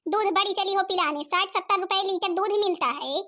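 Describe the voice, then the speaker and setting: A woman's voice: very high voice, brisk, sharp tone. Nagging cartoon mother-in-law. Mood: scolding. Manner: nagging, scolding. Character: scolding, stingy older mother-in-law who favours grandson. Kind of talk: cartoon comedy voice acting.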